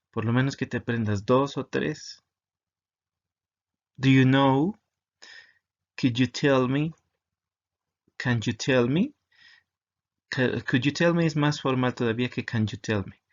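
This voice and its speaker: A man teaching English grammar at a slow, unhurried pace, patiently explaining each example and switching between Spanish and English. The sound is somewhat dull and lo-fi. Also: medium pitch.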